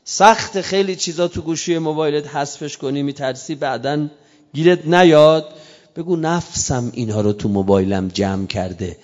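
A man preaching a sermon to a gathering, telling stories with passion and rising to loud cries at their peaks. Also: a little high. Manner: impassioned storytelling, rising to cries. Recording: muffled echoey hall.

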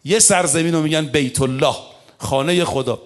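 A man preaching a sermon, telling religious stories in quick colloquial Persian and slowing down to recite Arabic verses. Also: fairly high pitch.

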